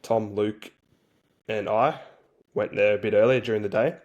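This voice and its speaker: He's a rugby league player for a national team, chatting through stories as an interview guest in a relaxed, colloquial style packed with slang. The voice is lowish and darkish, with a steady tone at a moderate pace.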